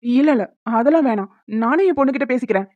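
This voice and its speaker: A woman's voice: high-pitched, lively intonation, quick pace, no echo. A woman voicing a worried young father and husband who frets earnestly in a cartoon. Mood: fretful. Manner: earnest, fretful pleading. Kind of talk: cartoon voice acting. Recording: dull lo-fi dry recording.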